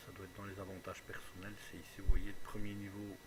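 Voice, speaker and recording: Low voiced guy chatting through a let's play, thinking out loud, noisy recording. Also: monotone, fast talker. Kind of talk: casual game commentary. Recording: clearly noisy home recording.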